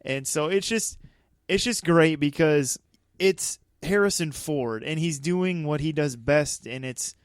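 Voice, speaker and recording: A man's voice: fairly high pitch, measured pace, clean tone, dry recording, studio quality. A man co-hosting a movie podcast, chatting casually and animatedly, often laughing as he talks. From Dakotas, United States. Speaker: podcast co-host. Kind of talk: casual chat.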